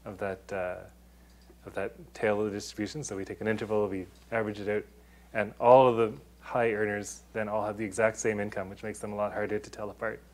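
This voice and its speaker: A man's voice: on the low side, level tone, fairly quick. A man giving an academic presentation, explaining step by step with many restarts and fillers. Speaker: presenter on data confidentiality. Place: lecture room.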